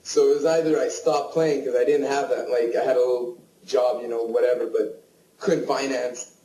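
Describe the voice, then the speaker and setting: A man's voice: mid-range voice, fairly even intonation, moderate pace, warm tone, roomy sound, slight background noise, rough recording. A Canadian man, a poker player guest, telling his story frankly and plainly. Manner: frank, storytelling with self-deprecating asides. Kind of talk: casual interview answers.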